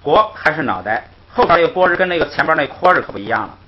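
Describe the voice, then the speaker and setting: A man teaching a grammar class, explaining patiently, repeating himself and chuckling softly between points. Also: on the high side, sing-song, fast, a crowd in the background. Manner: patient, repetitive, punctuates with "hey" and soft chuckles. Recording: dull lo-fi recording with faint noise.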